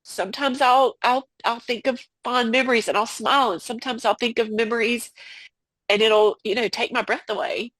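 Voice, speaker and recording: A woman guest on a podcast, speaking about a personal loss in a halting way, full of fillers and restarts. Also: on the high side, steady tone, a bit bright, no room sound. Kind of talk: emotional personal conversation.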